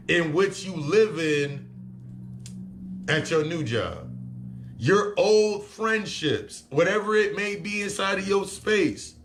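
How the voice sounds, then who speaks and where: His voice is on the high side with a fairly bright tone. This spiritual reader and life coach gives a profane, blunt self-help monologue meant to motivate, repeating points for emphasis.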